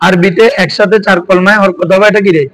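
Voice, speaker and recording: A man's voice: high voice, little pitch movement, quick pace, a bit bright, poor audio. A man with a Bangladeshi Bengali accent teaching a class, constantly asking his students questions as he explains. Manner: quizzing students with frequent questions. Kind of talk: classroom lesson.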